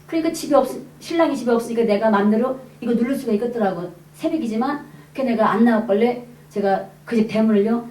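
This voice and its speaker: A woman evangelist giving a lively testimony sermon to a congregation, acting out the dialogue in her story. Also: a little high, fast. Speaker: evangelist preacher. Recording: echoey hall, mic at a distance.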